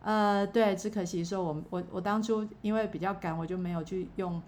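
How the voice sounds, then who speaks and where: A middle-aged woman, chatting casually about faith and her songwriting, pausing often with fillers and restarts. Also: mid-range voice, steady tone, darkish tone. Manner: hesitant, many fillers and restarts. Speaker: songwriter and church worker.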